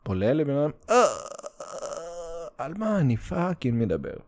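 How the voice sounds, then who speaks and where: A man's voice: medium pitch, wildly swooping pitch, warm tone. Guy with a russian accent doing a solo podcast, slangy and sweary, rambles and restarts a lot, drops english words. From Soviet Union. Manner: rambling, stop-start delivery. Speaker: podcast host. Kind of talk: casual solo podcast monologue.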